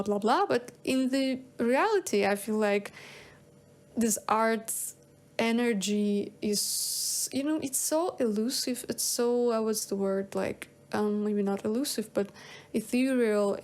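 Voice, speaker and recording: A young singer-songwriter from Kazakhstan talks casually on her own show in a solo monologue. Her voice is mid-range with a darkish tone, and she rambles hesitantly with many fillers and restarts.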